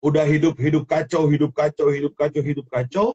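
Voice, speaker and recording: A middle-aged man with a strong Sulawesi accent tells his life story as a guest in a testimony interview; he is a former film actor who became a minister. His voice is a little high, mellow and breathy, with flat delivery, and he halts, repeats himself and restarts often. The audio is dull.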